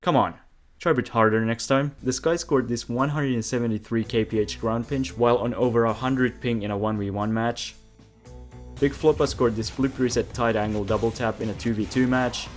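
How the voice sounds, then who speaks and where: A man's voice: medium pitch, fairly even intonation, normal speed, soft background music. A man hosting a gaming video, talking casually with joking, self-mocking asides. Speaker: gaming YouTuber host.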